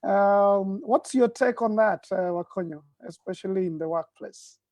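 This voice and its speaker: A middle-aged man hosts a studio talk show in a halting, chuckling way, filling pauses with uhs and ums. His voice sits close and dry on the mic, with no room sound around it. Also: sits high, darkish tone, dry recording. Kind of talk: casual studio chat.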